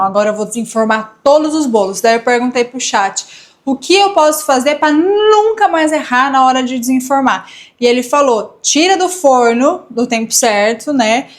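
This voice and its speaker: A woman chatting casually to camera as a lifestyle vlogger, confiding and talking straight to her viewers. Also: on the high side. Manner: chatty, confiding, often addresses viewers as "gente".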